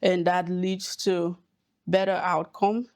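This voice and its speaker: A woman from Cameroon speaks in a slow, careful podcast interview. Her voice sits a little low, and she explains with deliberate pauses between phrases. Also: flat delivery, a little mellow, no echo. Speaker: hematologist oncologist guest.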